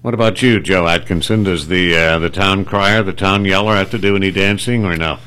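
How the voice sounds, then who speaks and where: A man's voice: low-pitched, brisk, sharp tone. A man hosting a casual interview, chatty and asking follow-up questions. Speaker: interviewer host.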